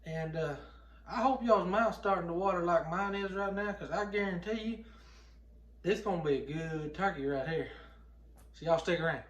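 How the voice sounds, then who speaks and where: A man's voice: high voice, moderate pace, lo-fi sound. A middle-aged man with a Southern US accent, chatting casually and folksily as he gives a plainspoken cooking how-to. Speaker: home cooking vlogger. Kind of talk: casual how-to chat to camera. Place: home kitchen, indoors. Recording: roomy indoor home recording.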